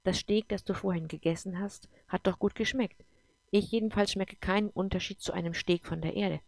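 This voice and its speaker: Brief: patient explaining man, read by a woman, gravelly, dry close sound. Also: medium pitch, fairly even intonation, fairly quick, dry recording. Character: calm adult man explaining his world.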